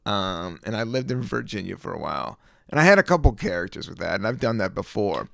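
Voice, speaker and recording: A man's voice: lowish voice, sing-song, a little fast, vocal fry, dry recording. A man hosting his own podcast in a rambling, laid-back chat full of fillers. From American South. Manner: rambling, laid-back, many fillers, laughs and sings snippets. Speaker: podcast host. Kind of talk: casual solo podcast chat.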